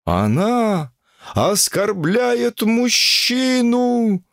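A pompous fanatical guru drawls out his sermons in a gravelly, raised voice, as a man reading an audiobook puts him on. His pitch leaps and falls with each indignant phrase, and he drags every word out slowly. The sound is dry and close. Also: very animated, fairly bright tone, no echo, heavily acted. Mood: self-righteous. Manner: sanctimonious, drawn-out preaching. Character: pompous fanatical male guru preaching against women.

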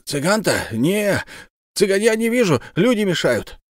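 A man reading an audiobook, playing a rough, simple-minded town constable who speaks bluntly and loudly. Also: high voice, big pitch swings, a little slow, no echo, studio quality, pitched above the performer's own voice. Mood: brash. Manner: blunt, loud.

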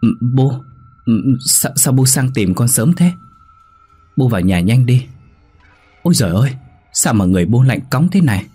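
A man's voice: lowish voice, normal speed, breathy edge. A man voicing a frightened middle-aged woman in a horror story, stammering and trembling. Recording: soft background music.

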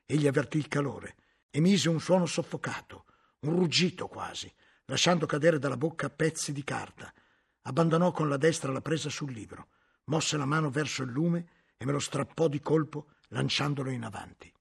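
A man narrating a novel as an audiobook, in a measured, dramatic storytelling manner with a gravelly, husky voice. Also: a little high.

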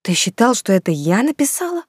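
A woman's voice: medium pitch, sing-song, a little fast, mellow, breathy edge, no room sound, clean studio sound, voice pushed up. A woman reading an audiobook, voicing a young woman in love who speaks in a breathless, pleading way. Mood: anxious. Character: young woman in love, anxious then overjoyed. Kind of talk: audiobook dialogue.

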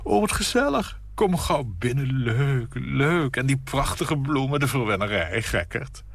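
A man's voice: medium pitch, big pitch swings, measured pace, gravelly, a bit bright, dry recording, voice pushed up, heavily acted. Man putting on a gushing, fussy housewife. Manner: gushing, fussy, drifting mid-sentence. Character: chatty 42-year-old housewife, gushing. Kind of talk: radio story reading.

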